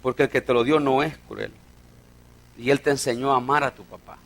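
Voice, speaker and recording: A man preaching a sermon as a pastor, telling a story and swinging between loud and hushed delivery. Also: medium pitch, a little fast, gravelly.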